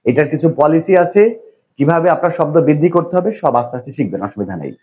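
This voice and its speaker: A man from Bangladesh lecturing a classroom, his voice a little higher than most men's. He talks in a repetitive, reassuring way and keeps quizzing his students. The recording is dull and lo-fi. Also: big pitch swings, fast, a little mellow. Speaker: English teacher.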